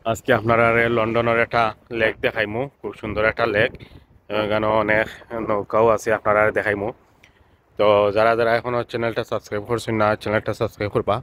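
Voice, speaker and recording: A man's voice: lowish voice, monotone, fast talker, a bit bright, slight background noise. A man from Sylhet with a Sylheti accent, chatting casually as he films a vlog outdoors by a lake, repeating himself and using many filler sounds. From Sylhet, Bangladesh. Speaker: vlogger.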